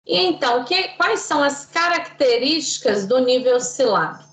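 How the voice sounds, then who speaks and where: A woman's voice: high-pitched, animated, moderate pace, fairly bright tone, reverberant, low-quality recording. A woman teaching an online class, patient and didactic, quizzing her students.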